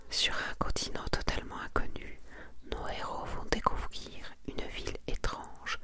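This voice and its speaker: Presenting her manga collection for an ASMR video, a woman speaks in a gentle, hushed whisper at a leisurely pace, reading summaries and chatting casually about them.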